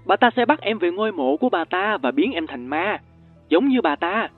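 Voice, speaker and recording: A man's voice: sing-song, normal speed, husky, full character voice. A man voicing a terrified young boy who pleads and screams for help in an audiobook story. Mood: panicked pleading. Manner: shrill, desperate pleading. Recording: tinny lo-fi with faint music.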